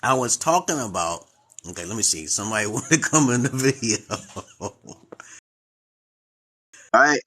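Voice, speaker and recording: This livestream host, a Brooklyn, New York, USA man in his forties, rambles casually between topics and loses his train of thought. His mid-range voice is very animated, pushed and bright, with a breathy edge. He speaks at normal speed with long pauses.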